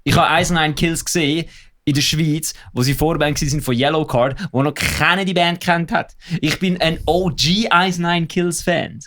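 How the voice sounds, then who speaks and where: A man's voice: a little high, fairly even intonation, moderate pace, fairly bright tone. A man co-hosting a casual podcast chat, emphatic and opinionated, insisting on his points. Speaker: podcast co-host.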